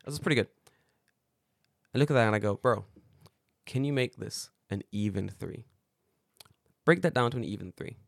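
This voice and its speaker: With a lowish voice a little raspy after karaoke, a podcast co-host chats casually at a moderate pace with long pauses. He's an animated storyteller who acts out quotes and swears freely, captured dry at studio quality.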